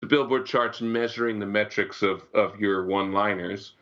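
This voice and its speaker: A man's voice: on the low side, fairly even intonation, moderate pace, fairly bright tone, muffled recording. A man, a songwriter guest, chatting casually in an interview from his bedroom, often restarting his sentences.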